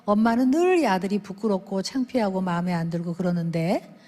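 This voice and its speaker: A woman speaking at a church service, telling lively stories and acting out the people in them with big swings in her voice. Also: brisk. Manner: animated, acts out dialogue with big pitch swings. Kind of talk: lively sermon storytelling with acted quotes. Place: church sanctuary. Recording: long reverb of a church hall.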